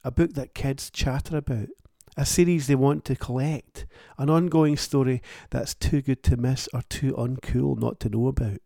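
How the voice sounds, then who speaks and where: A man's voice: mid-range voice, steady tone, moderate pace, vocal fry, hardly any pauses, mellow, dry recording, studio quality. A man who writes books, hosting his own show in a wry, plain-spoken and thoughtful solo monologue. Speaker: author and podcast host.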